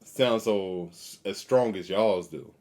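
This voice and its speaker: A young man co-hosting a casual chat, easygoing and agreeable, often trailing off softly. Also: fairly low pitch, slow pace. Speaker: podcast co-host.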